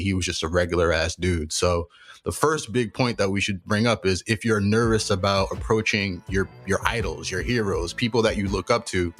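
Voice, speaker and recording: A young man with a lowish voice, chatting on a podcast in a loose, swear-heavy style. He tells his stories with animated energy and drifts from anecdote into practical advice. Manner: casual, profane, animated storytelling. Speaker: podcast host. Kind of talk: casual podcast chat.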